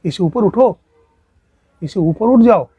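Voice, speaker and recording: Husky-voiced man giving a sermon. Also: high-pitched, animated, unhurried, warm tone, no room sound, highs cut off. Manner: storytelling, asks rhetorical questions. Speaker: spiritual teacher. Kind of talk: Hindi sermon with acted dialogue.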